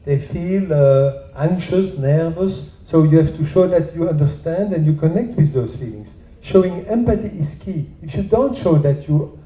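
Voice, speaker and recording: A man's voice: on the high side, expressive, moderate pace. A man speaking as an expert panelist, stressing and repeating his key points. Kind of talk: panel discussion. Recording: echoey room, dull lo-fi sound.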